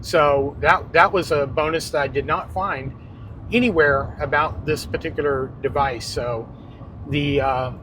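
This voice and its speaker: A man's voice: on the high side, fairly even intonation, a little slow. A man hosting a casual podcast product review from inside a car, on a wireless microphone. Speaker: podcast host. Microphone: wireless clip-on microphone. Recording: noisy vehicle interior.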